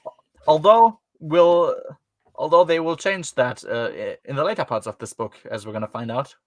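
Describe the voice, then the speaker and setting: A man's voice: on the high side, normal speed, no room sound. Wry German-accented man, dry sound. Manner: rambling and wry, with many fillers. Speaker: podcast host. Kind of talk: casual book discussion.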